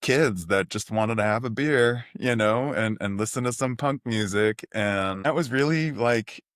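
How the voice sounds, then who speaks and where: A middle-aged man from New City, telling stories as a podcast guest in a rambling, animated way full of fillers. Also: mid-range voice, a little slow, no echo, studio quality. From New York City (Queens). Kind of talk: casual storytelling interview.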